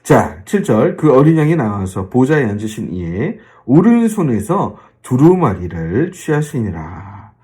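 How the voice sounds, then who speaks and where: A man, a pastor, giving a Bible lecture and asking his listeners questions along the way. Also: medium pitch. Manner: animated, drawn-out fillers, rhetorical questions to the listeners.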